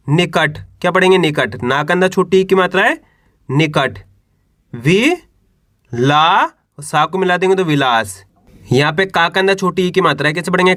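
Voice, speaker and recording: Guy with a high voice, teaching spelling syllable by syllable, dry close sound. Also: fairly bright tone, no echo. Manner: spells out syllables slowly, then asks "what will we read?". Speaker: Hindi teacher. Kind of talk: slow spelling lesson for children.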